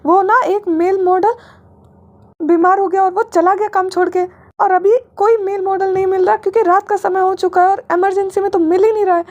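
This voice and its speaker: A woman's voice: very high-pitched, steady tone, a little fast, a little mellow, muffled recording, pitched above the performer's own voice. A woman voicing a flustered young male assistant who stutters in a frantic rush.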